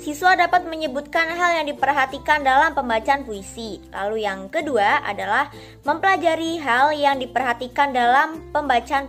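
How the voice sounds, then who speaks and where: High-voiced woman teaching a lesson. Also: fairly bright tone. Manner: explains step by step, asks the class questions. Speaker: student teacher presenting a lesson. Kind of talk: recorded classroom lesson.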